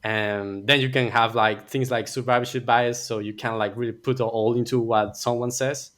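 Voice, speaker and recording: Guy, guest on a podcast, keeps restarting his words, mid pitch. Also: fairly even intonation, moderate pace, a bit bright. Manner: hesitant, many fillers and repeated words. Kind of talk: casual interview chat.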